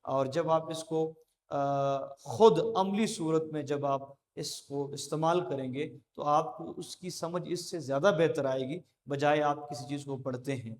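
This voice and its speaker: A man giving a classroom lecture at a board, explaining slowly with frequent pauses and fillers. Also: on the high side, steady tone, a little mellow. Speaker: teacher. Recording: long hall reverb.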